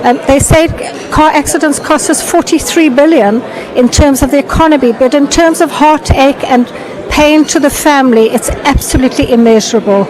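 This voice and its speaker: A woman's voice: high voice, moderate pace, poor audio. A woman, a road safety campaigner, giving an earnest and emphatic interview statement. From South Africa. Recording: crowd chatter behind.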